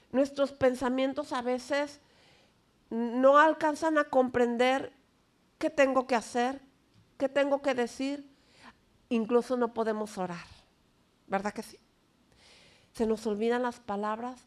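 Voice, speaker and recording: A woman pastor preaching in church, teaching slowly and emphatically and asking the congregation questions. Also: fairly high pitch. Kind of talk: sermon.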